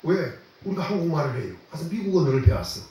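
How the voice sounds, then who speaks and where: A man's voice: on the high side, lively intonation, fast, dark tone. A man, a pastor, gives a sermon in a conversational way, asking rhetorical questions and repeating phrases for emphasis. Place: church sanctuary. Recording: very echoey and distant from the mic.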